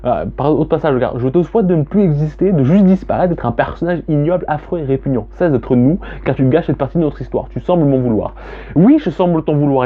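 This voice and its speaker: A man talking casually in a vlog about his own poems, hesitant and halting with many fillers and restarts, candid and self-deprecating. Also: medium pitch. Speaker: vlogger reading own poems. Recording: tinny phone-like sound.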